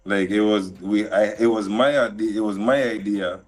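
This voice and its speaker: Island-producer guy, low voice, lots of restarts, some music playing faint behind. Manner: relaxed, halting, lots of restarts and slang. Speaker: producer and guest. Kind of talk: casual interview chat. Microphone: live stream call.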